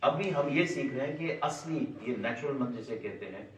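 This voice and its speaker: Male teacher, mid-pitched, quizzes the class and draws out sounds to show them; echoey room, mic set back. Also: lively intonation, moderate pace, recorded from a distance, slight background noise. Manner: questions the class and answers himself, stretches sounds to demonstrate. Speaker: Quran recitation teacher.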